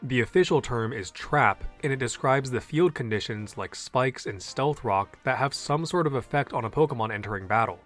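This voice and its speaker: A half-Japanese man with a native English voice hosts a scripted YouTube explainer, sounding earnest and opinionated. His voice is medium-pitched and a bit bright.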